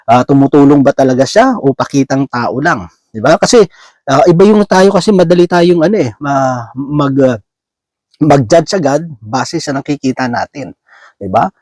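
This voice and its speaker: A man delivers a Bible teaching sermon in a conversational style, often checking in with listeners through quick questions and mixing English words into his speech. His voice is medium-pitched, expressive and darkish, with no room sound.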